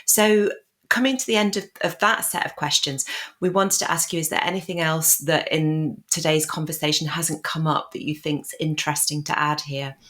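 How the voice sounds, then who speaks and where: Woman podcast co-host, low voice, affirming and conversational. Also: steady tone, normal speed, a bit bright. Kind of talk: podcast interview.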